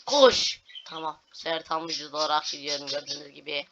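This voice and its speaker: A young man hosts a gaming video with casual commentary, narrating every move for viewers and swearing at glitches. His voice is on the high side, flat in delivery, and racing. The home recording is dull and lo-fi with clear noise.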